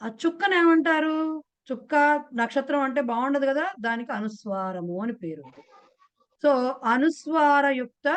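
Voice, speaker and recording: A woman with a Telugu accent teaching a beginners' class, explaining patiently and putting questions to her students. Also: a little high. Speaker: Sanskrit teacher. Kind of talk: online class lecture.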